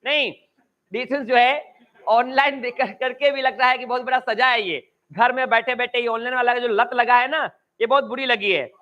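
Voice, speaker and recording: A male English grammar teacher with a Bihari Hindi accent, giving an online class lecture, drawing out and repeating key phrases slowly and chatting with students between points. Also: extremely high pitch, steady tone, highs cut off. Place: coaching class at home.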